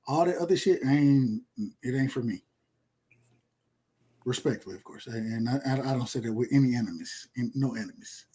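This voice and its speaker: On a podcast, a thirtysomething man from rural Georgia chats casually with a Southern accent. His mid-range voice is slightly rough, and he talks emphatically, leaning on slangy, profane, repetitive phrases.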